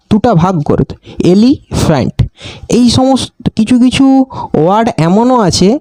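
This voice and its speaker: A man teaching a grammar lesson, asking questions and answering them himself and repeating definitions slowly. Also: high-pitched, mellow, no echo.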